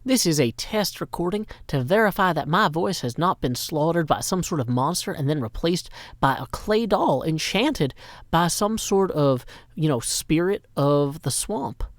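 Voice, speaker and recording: On a casual live stream, a middle-aged man from Nashville, Tennessee sounds slightly tired yet playful, full of rhyming quips and long strings of greetings. His voice is a little high and lively, paced moderately. The dry recording comes from a microphone on a stand.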